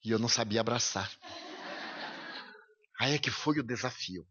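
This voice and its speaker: A man's voice: mid-range voice, moderate pace, pushed and bright, husky. A man giving a lecture, telling a personal story with emotion and vivid detail. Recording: lo-fi radio recording.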